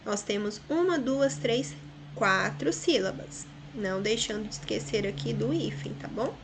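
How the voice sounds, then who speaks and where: A Brazilian woman teacher explains a lesson patiently, one step at a time. She often checks in with short tag questions, and her voice sits a little high. Faint ambient noise sits behind her. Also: animated, measured pace. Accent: Brazilian Portuguese. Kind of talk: recorded online school lesson.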